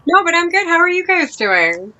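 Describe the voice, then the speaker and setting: A woman with a bright, lively voice joins a video call from home. She is bubbly and laughs easily as she chats. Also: very high-pitched, normal speed, highs cut off. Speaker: guest. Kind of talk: casual group video chat. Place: at home with a cat.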